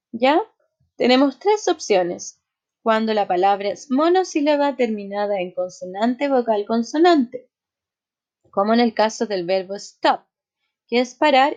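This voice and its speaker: A woman teacher walks through a grammar lesson at an unhurried pace, checking in with a quick question after each point. Her voice sits a little high. The recording sounds slightly dull and lo-fi. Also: darkish tone. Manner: explains step by step, often checks with "¿ya?". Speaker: English teacher.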